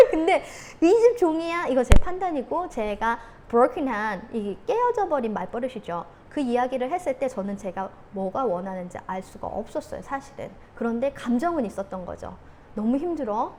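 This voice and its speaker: A woman in her forties lectures on communication, her voice fairly high and swinging widely in pitch. She tells her own stories earnestly and animatedly, breaking into laughter, with a faint hiss in the background. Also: big pitch swings, brisk, a little mellow.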